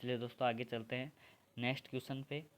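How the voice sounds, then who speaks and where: A man's voice: mid-range voice, little pitch movement, fast, fairly bright tone. A man from India teaches English grammar for exams step by step and keeps addressing his viewers as friends. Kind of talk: exam-prep grammar lesson.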